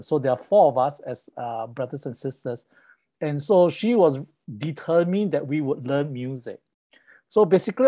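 A man's voice: on the high side, warm tone. A middle-aged man from Singapore, a guest on a video call, talking about his background in a friendly way with frequent fillers, through a wired earphone mic. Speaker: guest, professor of sacred music.

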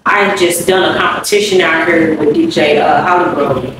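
A rapper from Louisville, Kentucky, chats casually as an interview guest, laid-back and repeating "you know" often. Her voice is low with fairly even intonation at a moderate pace, captured from a distance in an echoey room with background noise.

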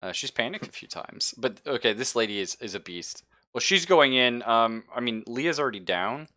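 Running an online game over voice chat, a male game master jokes around while laying out rules and narrating events. He has a mid-range, sharp-toned voice with lively intonation at normal speed.

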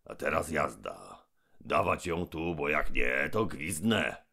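A man voicing a huge, pompous, educated robber monster in an audiobook, slow and menacing. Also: rumbling low, animated, gravelly, pushed and bright, full character voice. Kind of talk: audiobook character voice.

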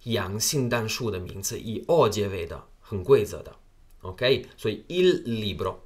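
A man's voice: lowish voice, a bit bright. A man teaching a live online language lesson, patiently explaining and repeating example words.

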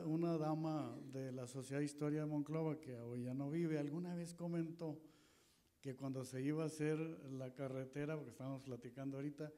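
A man's voice: fairly high pitch, mellow. A middle-aged man from Coahuila, giving a rambling, folksy public history talk on an auditorium stage with a handheld mic. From northern Coahuila, Mexico. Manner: folksy, rambling, with many fillers and restarts. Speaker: guest historian speaker.

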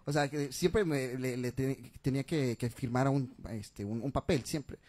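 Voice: medium pitch, unhurried, a little mellow. A comedy radio co-host telling jokes, stumbling through restarts before each punchline. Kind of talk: joke telling, casual chat. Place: radio studio.

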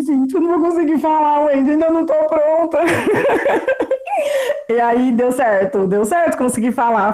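A woman's voice: fairly high pitch, darkish tone. A Brazilian woman with a frank, upbeat manner, giving a casual sales training talk over a video call and laughing often. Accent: Brazilian Portuguese. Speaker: guest speaker, sales consultant.

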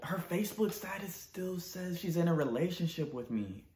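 A young American man, host of a parody channel, plays a naive, awkward student in a casual comedy roleplay, slangy and hesitant. His voice sits high with an expressive, darkish tone at a moderate pace. Recorded indoors in a living room, the sound is roomy and echoey.

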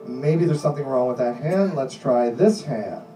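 This middle-aged man hosts a comedy hypnosis act in a small indoor club, directing volunteers with commanding, deliberate, repeated suggestions. His mid-range, dark-toned voice goes from a handheld mic through the PA and is captured from a distance by an audience camera, sounding echoey with music.

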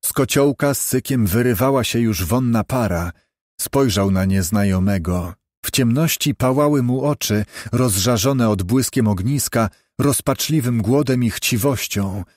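Mid-pitched male audiobook narrator, steady measured read, dry close sound. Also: dry recording. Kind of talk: scripted narration.

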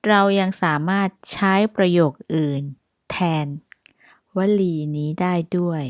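Thai-accented woman, English teacher; unhurried, careful reading of phrases, dry sound. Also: fairly low pitch, dry recording. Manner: reads example sentences very slowly and clearly, twice. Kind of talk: slow English lesson with Thai explanations.

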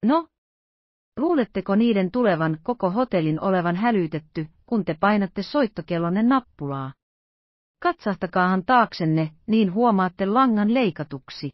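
Woman doing a smooth sly gentleman intruder, teasing and polite, dry dull-ish audio. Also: mid-range voice, lively intonation, no room sound, natural voice. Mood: taunting. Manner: smooth, ironic courtesy. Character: suave mysterious male intruder, mocking and polite.

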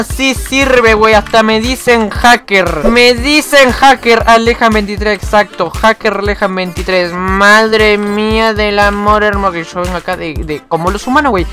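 High-voiced excitable young gamer. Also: male voice. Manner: excitable, slangy and profane, jokes and trash talk. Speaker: gaming YouTuber. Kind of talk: casual gameplay commentary. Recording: background music under the voice.

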